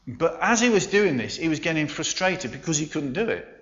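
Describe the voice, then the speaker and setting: A man preaching a sermon, telling a story with emphatic pauses and soft endings. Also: a little high, very animated. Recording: roomy, slightly dull sound.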